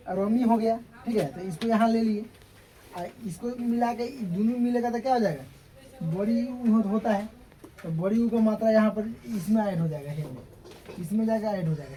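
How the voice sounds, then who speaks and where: A man's voice: high-pitched, mellow, slight background noise, rough recording. A male teacher giving a classroom grammar lecture, explaining step by step and often checking that students understand.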